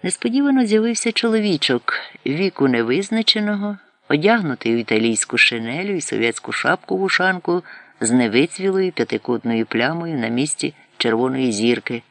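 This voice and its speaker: A man narrating a novel as an audiobook in a measured, wry manner. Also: on the high side, animated, a bit bright, no echo. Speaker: audiobook reader. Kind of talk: scripted narration.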